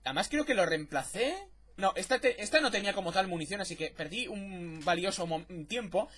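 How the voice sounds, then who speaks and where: A man with a Spain Spanish accent talks through a replay of his own match. He is chatty and excitable and swears freely, with a bright, slightly husky voice that swings widely in pitch. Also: brisk. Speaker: gameplay commentator. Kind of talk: replay commentary over gameplay.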